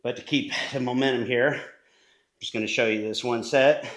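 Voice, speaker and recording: A man coaching a leg workout in his own home gym, talking casually as he demonstrates each move. He sits at an ordinary middle pitch and sometimes drifts away from the camera mic. The room around him is bare and echoey. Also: steady tone, normal speed. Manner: casual, coaching while exercising, sometimes short of breath. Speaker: fitness coach. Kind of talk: workout instruction.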